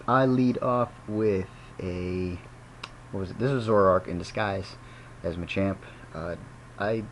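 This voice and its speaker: Low-voiced young man narrating a game. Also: a little hiss or hum, rough recording. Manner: rambling, self-correcting, chatty. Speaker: gaming commentator. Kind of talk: casual game commentary.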